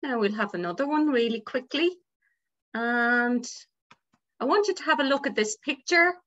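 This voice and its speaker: Bright-voiced woman moderating a club meeting. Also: on the high side, lively intonation. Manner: brisk, cheerful moderating. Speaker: topic master at a speaking club. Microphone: video call. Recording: dull lo-fi video call audio.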